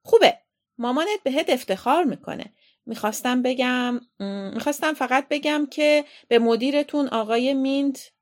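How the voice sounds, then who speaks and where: A woman voicing a bustling, bossy and cheery middle-aged aunt in a storybook reading, chattering eagerly and shouting. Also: sits high, pitched above the performer's own voice, natural voice. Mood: chatty.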